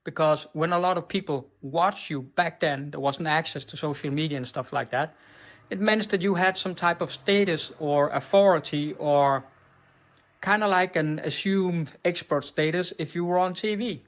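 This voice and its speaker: A Danish man gives a blunt, profane business-coaching monologue direct to camera at a moderate pace, his accented voice a little high. He ends points with "right?", stumbles and restarts words, and carries on unbothered.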